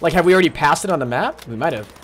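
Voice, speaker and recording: Excitable man live-streaming a game. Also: fairly high pitch, racing, husky. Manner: chatty, greets viewers by name, excitable outbursts. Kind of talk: live gaming stream commentary.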